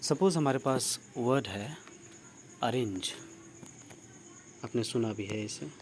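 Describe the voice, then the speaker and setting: A man's voice: mid-range voice, takes it slowly. A man teaching an online grammar lesson, who asks his class questions, praises their answers and spells words out letter by letter. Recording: steady insect and cricket noise behind.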